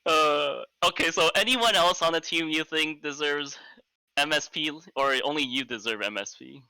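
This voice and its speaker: Bright, crisp joking male caster. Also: fairly high pitch, normal speed, no echo, rough recording. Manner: joking, crude, laughs often, rambling. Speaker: esports caster interviewing a player. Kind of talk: casual post-match interview.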